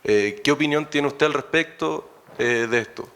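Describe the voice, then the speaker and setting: A man's voice: fairly high pitch, moderate pace, creaky, a bit bright. A man in the audience asking a question, hesitant and with fillers.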